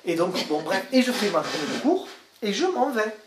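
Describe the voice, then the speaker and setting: A stage actor tells a personal story, animated and quick to repeat a word while he hunts for the next. His man's voice sits a little high. The room around him is echoey, with a faint ambience. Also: background noise. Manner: animated, repeats words when searching for them.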